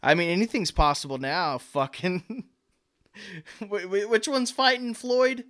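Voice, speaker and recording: A man's voice: high-pitched, takes it slowly, fairly bright tone. A man chatting casually as a podcast guest, laughing often, self-deprecating and swearing freely. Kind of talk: casual chat.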